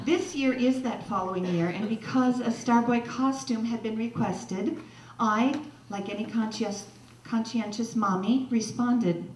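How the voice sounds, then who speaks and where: A woman's voice: fairly high pitch, a little slow, noisy background. A woman storyteller and mother reading a personal story aloud at a live holiday event, with wry, self-mocking humor. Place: holiday sing-along event, indoors. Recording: echoey live-room recording from a distance.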